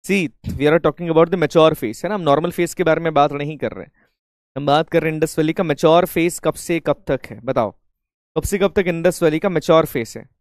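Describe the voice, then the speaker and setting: A man's voice: on the high side, normal speed, no echo, clean studio sound. A man teaching a live online class, repeatedly checking whether students can hear him and mixing English phrases into his talk, sounding slightly unwell. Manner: hybrid Hindi-English, chanting patriotic greetings, repeatedly checking audio.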